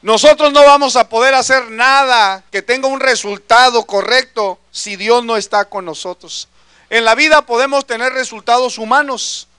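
A man with a very high, bright voice preaches a sermon. His tone is clear and resonant, and the recording is dry and close. He speaks earnestly and calls his listeners brother. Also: moderate pace, no echo.

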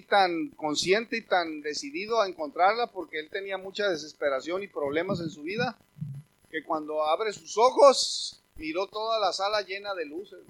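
A man preaching a sermon as pastor, telling humorous stories and swinging from quiet asides to loud calls. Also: high-pitched.

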